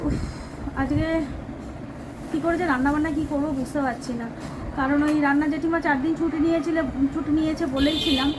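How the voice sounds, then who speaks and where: A woman's voice: high-pitched, steady tone, fast talker, long pauses, background noise. A woman from West Bengal chatting to viewers in a casual home vlog while she cooks and tidies, unwell with a sore leg. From West Bengal, India. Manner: chatty, talks to viewers while doing housework. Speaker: vlogger. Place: home, kitchen and bedroom.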